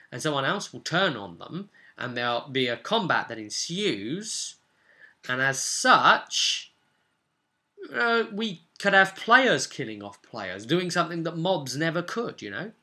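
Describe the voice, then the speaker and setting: Speaking unhurriedly, this game master looks back on a tabletop session he ran, his medium-pitched voice expressive, pushed and bright. His telling is casual, and he drives points home by repeating phrases emphatically.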